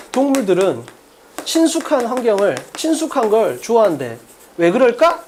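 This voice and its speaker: Fast, lively Korean English tutor. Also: male voice, high voice. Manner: blunt, casual, swears, asks students rhetorical questions; repeats key phrases often. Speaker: English teacher. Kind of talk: lecture.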